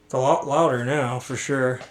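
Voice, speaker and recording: Fairly even in intonation and medium in pitch, a man hosts a casual demonstration video, moving at a moderate pace through home rooms and a workshop. His talk rambles in halting, stop-start pieces. Background room noise and clicks are clearly audible.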